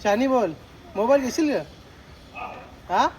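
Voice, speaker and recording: A woman's voice: fairly high pitch, expressive, measured pace, darkish tone. A woman vlogging at a cow shelter, coaxing and teasing a child in casual chat, often repeating herself. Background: animal sounds and outdoor ambience.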